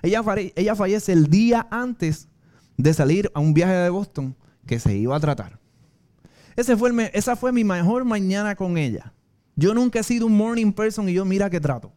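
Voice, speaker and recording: Puerto Rican male pastor with a high voice, earnest sermon delivery mixed with personal stories. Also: dark tone, smooth. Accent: Puerto Rican Spanish.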